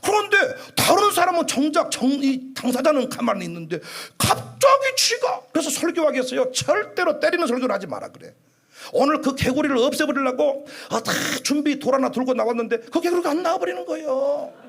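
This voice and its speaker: A man preaching an animated sermon as pastor, shouting at times and acting out quoted voices. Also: very high-pitched, a little fast, creaky. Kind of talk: lively sermon.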